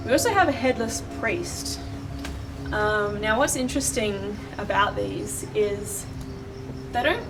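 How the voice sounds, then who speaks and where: Outdoors at night on camp grounds, a woman hosting a paranormal investigation vlog talks to camera, shifting between narration and casual chat. Her medium-pitched voice is slow and lively in intonation, heard over music.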